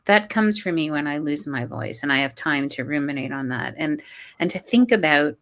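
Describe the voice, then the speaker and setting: Talking as an interview guest, this college professor has a low-pitched, expressive voice and a moderate pace. She speaks earnestly, frequently restarting phrases and occasionally laughing in the conversational exchange.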